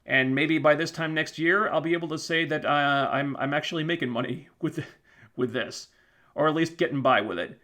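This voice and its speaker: Speaking at normal speed with a fairly high, sharp-toned voice, a YouTube channel host wraps up his casual live stream. He rambles while thanking viewers, restarting and using fillers a lot as he loses his voice.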